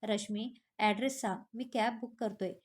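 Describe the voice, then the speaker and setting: A woman's voice: fairly high pitch, steady tone, moderate pace, close to an everyday voice. A woman voicing a young man who teases a colleague and then scolds her out of concern. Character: young man, teasing but caring colleague.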